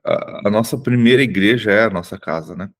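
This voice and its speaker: A man leading a Bible reading group, calmly explaining the passage over a video call. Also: fairly low pitch, brisk. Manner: calm, explanatory, frequent tag questions. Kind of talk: reflective Bible commentary.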